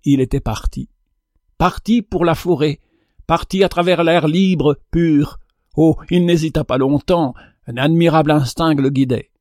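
A man narrating a fable in an expressive, measured reading. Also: on the high side, no room sound, clean studio sound. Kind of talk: storybook narration.

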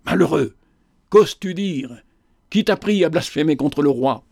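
A man voicing a stern, respectable gentleman who reproves indignantly. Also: on the high side, lively intonation, normal speed, vocal fry, no echo, studio quality.

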